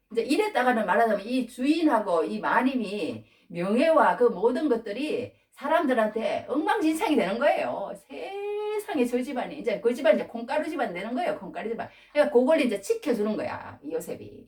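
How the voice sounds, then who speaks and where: A woman gives a homely, conversational sermon, retelling a Bible story in her own words. Her pitch rises and falls in a very animated way. She sounds a little distant from the microphone. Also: echoey room. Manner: folksy, retells scripture with acted-out dialogue. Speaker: preacher.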